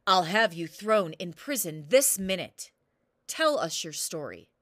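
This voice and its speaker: A woman's voice: lowish voice, animated, measured pace, no echo, studio quality. A woman reading a storybook, voicing a stern, angry king who commands and roars. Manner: commanding, roaring.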